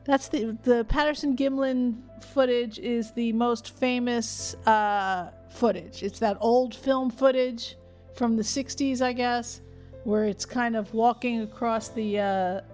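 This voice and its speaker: A woman's voice: on the high side, steady tone, slow pace, darkish tone, faint music behind. A woman co-hosting a podcast in a casual, chatty style. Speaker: podcast co-host. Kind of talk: casual chat, partly reading out facts.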